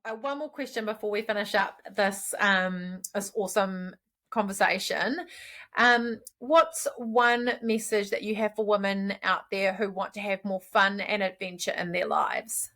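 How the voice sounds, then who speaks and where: A woman from New Zealand hosts a casual podcast interview, asking questions and backing her guest up with encouraging responses. Her voice is bright and clear. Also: medium pitch, unhurried. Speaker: podcast host.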